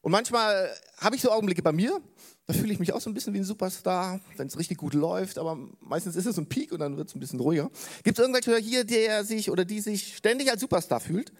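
A male pastor preaches in a relaxed, chatty way to his church. His voice sits high, and he tells stories and asks the congregation questions. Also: fast. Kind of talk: sermon. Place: church service.

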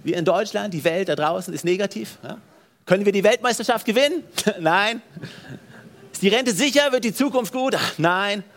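A man preaching a sermon in a church as pastor, asking the listeners questions, often repeating words and restarting phrases, and letting his phrase endings fall soft and low. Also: expressive, moderate pace.

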